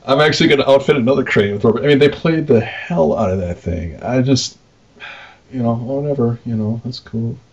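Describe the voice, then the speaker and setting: This arcade game operator co-hosts a podcast, his medium-pitched voice moving fairly quickly through loose, casual shop talk peppered with mildly crude slang. The voice recording is lo-fi and dull.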